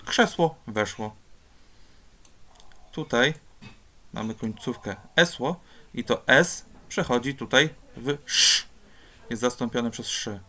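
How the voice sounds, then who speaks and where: A male teacher walks students through a lesson at an even, medium pitch. He explains patiently and step by step, pausing with small hesitations as he points to examples. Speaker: Polish teacher.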